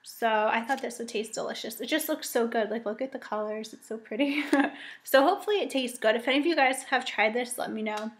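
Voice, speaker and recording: Young woman, casual vlogger, slightly high voice, upbeat and chatty, webcam at home. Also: a little fast. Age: young adult. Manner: chatty, upbeat, frequent ums and likes. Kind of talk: casual grocery haul vlog. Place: home dining room indoors.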